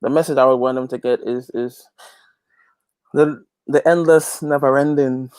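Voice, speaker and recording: A man from Guyana, a youth pastor and gospel reggae singer, gives a conversational interview with preaching-style testimony, repeating phrases emphatically and earnestly. His mid-range voice is steady, smooth, and a little mellow, moving at a moderate pace. The recording is dry.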